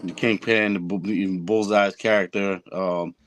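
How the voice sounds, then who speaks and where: Deep-voiced man giving earnest fan opinions. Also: steady tone, moderate pace, no room sound. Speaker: panelist. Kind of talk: casual chat.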